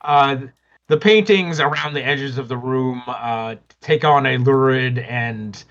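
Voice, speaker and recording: Male game master, hesitant narration full of fillers; bright tone, muffled lo-fi audio. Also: mid-range voice, takes it slowly. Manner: hesitant, many fillers, chuckling.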